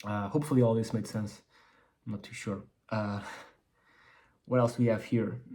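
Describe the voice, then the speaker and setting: A mellow man with a fairly low pitch delivers a casual business update flatly at normal speed. Braces slightly impede how he articulates. As an entrepreneur vlogger, he rambles and keeps repeating or restarting words.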